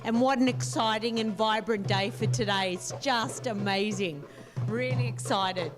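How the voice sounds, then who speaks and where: A woman's voice: medium pitch, unhurried, over music. A woman managing multicultural programs, speaking enthusiastically in an event interview.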